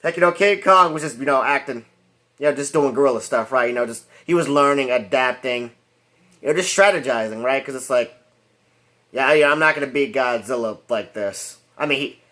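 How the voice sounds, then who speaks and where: A man's voice: medium pitch, fairly quick, sharp tone. A man giving a rambling casual movie review, full of restarts and fillers and laughing at his own jokes.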